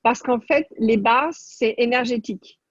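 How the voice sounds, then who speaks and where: A woman's voice: fairly high pitch, measured pace. A woman coaching a group on an online call, talking off the cuff in an encouraging, directive way. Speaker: coach leading an online class. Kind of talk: spontaneous coaching talk. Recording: muffled, dull online-call audio.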